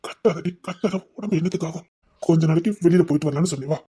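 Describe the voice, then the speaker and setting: A woman's voice: sits low, very fast, warm tone, breathy edge. An actress playing a devoted woman who soothes and pleads with a grieving friend, with a Tirunelveli Tamil accent and frequent repeated reassurances. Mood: pleading, soothing. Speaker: close companion consoling a grieving woman. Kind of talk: emotional web drama acting.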